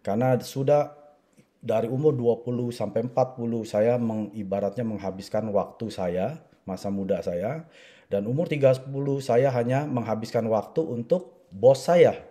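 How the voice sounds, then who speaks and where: A man's voice: mid-range voice, normal speed, mellow. A man in his forties from Indonesia, telling his life story to an audience in a chatty way, often tagging sentences with little fillers. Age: 40s. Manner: conversational, frequent filler "ya" and "gitu". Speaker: network marketing speaker. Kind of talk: personal story talk to an audience.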